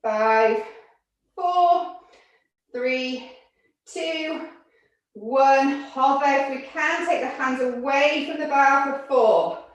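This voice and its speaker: A slightly high-voiced woman talks through a barre and mat workout at an unhurried pace, counting down reps and cueing each move. She is audibly out of breath. Her voice comes from some distance in a very echoey room. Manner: counts reps and cues moves, gently encouraging. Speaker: fitness instructor. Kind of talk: exercise class instruction.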